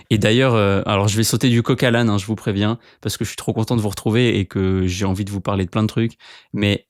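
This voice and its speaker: A man hosting a casual solo podcast, telling stories in an animated way with lots of filler sounds, recorded at home in front of a bookshelf. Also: on the low side, no echo, clean studio sound. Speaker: podcast host.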